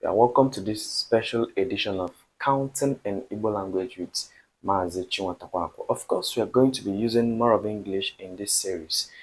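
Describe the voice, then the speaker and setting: Slow deliberate man from nigeria teaching a lesson, low husky voice. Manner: slow, deliberate, repeats each word for practice. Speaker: language teacher. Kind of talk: spoken language lesson.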